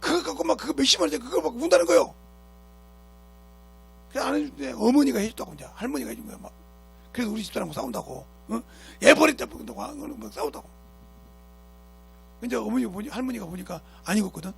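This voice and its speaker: Raspy, gravelly male preacher scolding. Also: very high voice, lively intonation, quick pace, pauses often, a bit bright. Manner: emphatic and scolding, with repeated rhetorical questions. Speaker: pastor. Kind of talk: sermon. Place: church sanctuary.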